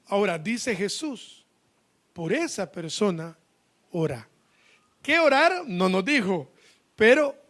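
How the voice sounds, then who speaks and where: A male preacher giving a live sermon, asking the congregation questions and swinging from soft asides to loud, stressed scripture reading. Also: high voice.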